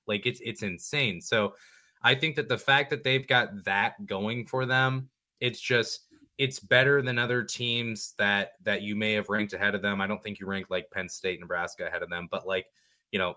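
A man appearing as a guest on a sports podcast, talking casually and thoughtfully, often pausing with ums and correcting himself. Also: on the low side, pushed and bright. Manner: thoughtful, hedging, many ums.

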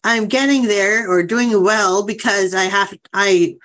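A woman's voice: mid-range voice, fairly even intonation, unhurried, fairly bright tone. A woman client on a group coaching call, sharing casually and hesitantly as she thinks aloud.

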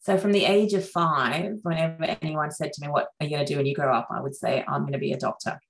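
Middle-aged woman surgeon, Sri Lankan-born, low voice, chatty and reflective interview guest. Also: steady tone, quick pace, vocal fry, rough recording. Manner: chatty, reflective, frequent fillers. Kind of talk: relaxed interview conversation.

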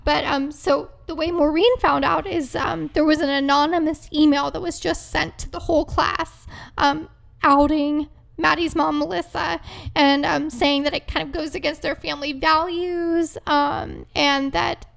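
Woman, podcast co-host, casual recap chat, high voice, gravelly fry, chatty with ums. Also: fairly even intonation, measured pace, a bit bright. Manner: chatty, many ums and laughs.

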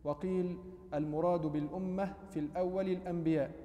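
A man, a student in the lesson, reading a classical commentary aloud in a measured, steady recitation. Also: high-pitched, reverberant, long reverb tail, muffled recording. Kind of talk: formal text reading.

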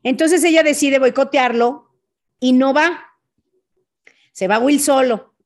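A Mexican woman hosting a podcast, telling a story in a relaxed, chatty way, with a slightly higher voice. She acts out the punches with sound effects and keeps throwing in quick asides. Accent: Mexican Spanish. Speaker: podcast host. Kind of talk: casual storytelling monologue.

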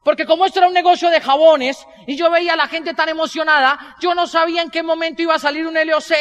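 A man giving a motivational stage talk, an animated storyteller who bursts into shouting. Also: very high voice, quick pace, long reverb tail. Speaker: business speaker.

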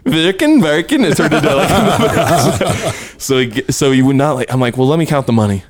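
A man spins a rambling anecdote among friends, laughing as he goes and cursing casually. His voice sits at an ordinary pitch. The sound is dry and close, with no room echo. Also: normal speed. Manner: animated storyteller, laughs a lot, swears. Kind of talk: casual storytelling chat.

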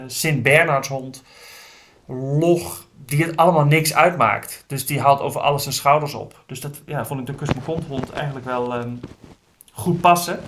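A man, a translator and parent, explaining his work in a relaxed interview, thinking aloud with restarts. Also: on the high side. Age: adult parent. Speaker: book translator. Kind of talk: casual interview talk.

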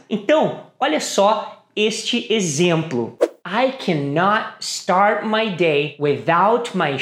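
Slow, lively-voiced woman teaching pronunciation. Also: medium pitch, echoey room. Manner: slow, deliberate model sentences repeated twice. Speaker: English teacher. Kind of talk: pronunciation lesson.

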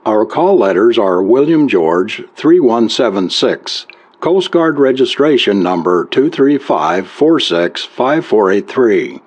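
A man's voice: medium pitch, very animated, slow pace, a little mellow. A man voicing a male yacht skipper, urgent and impatient on the radio. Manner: impatient, insistent. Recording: dull lo-fi recording.

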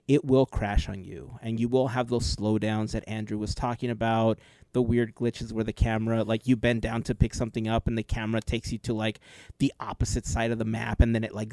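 Co-hosting a casual podcast, a gameplay video creator earnestly describes his gaming experience in lengthy detail. His voice is mid-range with a dark tone, on a dry recording.

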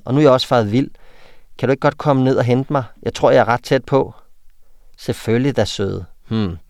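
A man's voice: mid-range voice, a little mellow, dry recording, clean studio sound. A man with a Danish accent who teaches writing to children. He talks hesitantly with many fillers and reads his students' stories aloud. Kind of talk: interview talk and reading student texts aloud.

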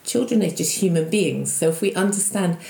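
Mellow-voiced woman guest, earnest. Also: fairly low pitch, fairly quick, vocal fry, echoey room, rough recording. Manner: earnest, storytelling, animated when quoting. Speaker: ski instructor trainer, guest. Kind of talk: casual interview chat.

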